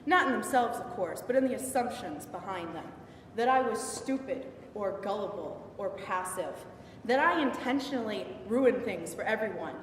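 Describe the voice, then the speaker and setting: A woman's voice: medium pitch, lively intonation, normal speed, natural voice. A young woman performing a defiant, indignant biblical Eve in a sarcastic, emphatic, conversational stage monologue. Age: young adult. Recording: echoey hall from far off, some noise.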